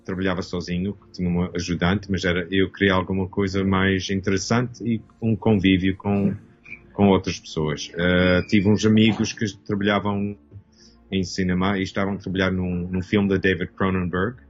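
A man's voice: low voice, flat delivery, normal speed, dull audio. A Canadian-born man in his fifties, a costume designer speaking as an interview guest, hesitant and searching for words with many restarts. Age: 50s. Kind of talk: casual interview talk.

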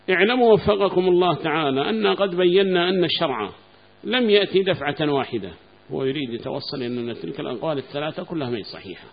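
Gravelly male teacher explaining a classical text. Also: mid-range voice. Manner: explains patiently, repeats key terms, quizzes students. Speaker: teacher of Quranic law. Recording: gravelly lo-fi recording with faint hum.

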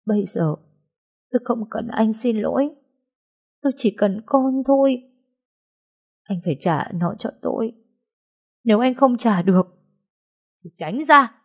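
A woman's voice: fairly low pitch, moderate pace, long pauses, warm tone, husky. A woman voicing a grief-stricken young mother in an audiobook, crying out and pleading. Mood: frantic. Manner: screaming, sobbing pleas. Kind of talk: audiobook dialogue.

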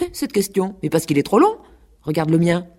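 A woman's voice: very animated, moderate pace, warm tone. A woman voicing a vain, boastful rooster in a radio play, sneering and insolent. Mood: condescending. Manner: insolent and sneering, shrill when angry.

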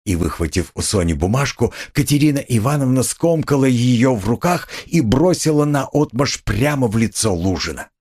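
Husky, expressive male audiobook narrator. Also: mid-range voice, normal speed, hardly any pauses. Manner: dramatic, expressive reading. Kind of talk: scripted literary narration.

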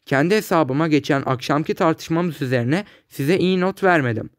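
A man reading aloud, voicing a calm, self-assured young man who mocks his rival in a smooth, condescending way. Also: on the high side, normal speed, dry recording, studio quality, lightly acted. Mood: mocking.

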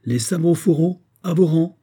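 A man's voice: medium pitch, normal speed, warm tone, breathy edge, natural voice. A man voicing a proud young Saxon officer who speaks in a commanding, indignant way. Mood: stern.

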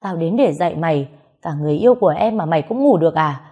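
A woman acts as a middle-aged mother who abuses her daughter in an audio story, shouting furiously and hurling harsh, scolding insults. Her voice is low-pitched, animated, fast and mellow, with a breathy edge.

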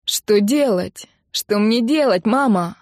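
A woman's voice: mid-range voice, lively intonation, takes it slowly, a little mellow, no echo, studio quality. A woman playing a panicked tearful young man. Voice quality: breathless, broken speech.

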